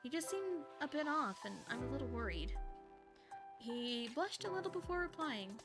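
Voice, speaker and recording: A woman streamer reads fan fiction aloud casually over loud music, her high voice sing-song at a moderate pace. She keeps breaking off to react and giggle at the story with offhand asides.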